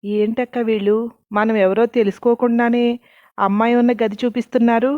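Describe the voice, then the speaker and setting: A woman's voice: on the high side, little pitch movement, brisk, no room sound, muffled recording, natural voice. A woman voicing a cheeky teenage younger sister in a storybook reading, with a teasing, chatty manner.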